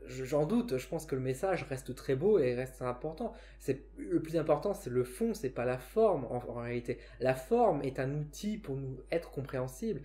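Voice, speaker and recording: A man's voice: medium pitch, animated, normal speed, hardly any pauses, warm tone. A man with a northern French accent, a spiritual vlogger, talks casually to camera in a reflective way, often hesitating and restarting his sentences. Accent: northern French (Ch'ti). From northern France.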